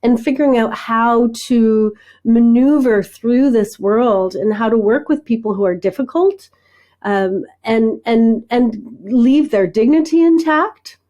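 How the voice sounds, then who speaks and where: A middle-aged woman with a fairly high but mellow, warm voice. She talks as a podcast guest, telling lively stories and asking "right?" along the way. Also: a little slow, dull audio. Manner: animated storyteller, acts out dialogue, frequent "right?". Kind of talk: conversational interview.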